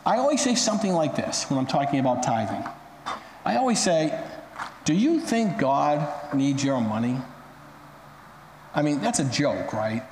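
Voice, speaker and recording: A man's voice: a little high, echoey room, big-room sound, a little hiss or hum, rough recording. A male pastor preaching a sermon, telling stories dramatically and acting out the quotes. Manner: dramatic storytelling with acted quotes.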